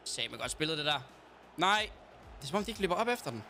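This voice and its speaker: A man's voice: a little high, very animated, pushed and bright, soft background music. A man from Denmark streaming a football video game in casual chat, blurting out and swearing at the game. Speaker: gaming streamer. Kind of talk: casual live-stream chat while playing.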